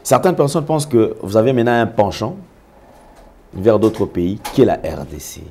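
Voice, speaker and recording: A man's voice: on the low side, big pitch swings, moderate pace, vocal fry, darkish tone, a little hiss or hum. A man interviewing a pastor for TV, asking probing questions and sometimes stumbling over his words.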